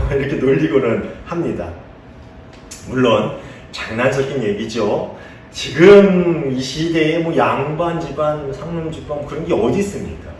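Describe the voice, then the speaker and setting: A male pastor gives a conversational sermon and mixes playful teasing stories with questions for his listeners. His voice sits at a middle pitch and rings through a reverberant church space. He is picked up from a distance, with faint noise behind him. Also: a little slow, darkish tone. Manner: conversational, asks the congregation questions. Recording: echoey room heard from a distance.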